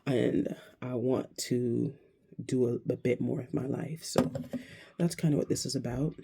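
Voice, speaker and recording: Slow, gravelly-voiced woman in her thirties. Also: a bass voice, steady tone, mellow. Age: 30s. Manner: hesitant, searching, many ums and restarts. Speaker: vlogger. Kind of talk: casual reflective vlog talk.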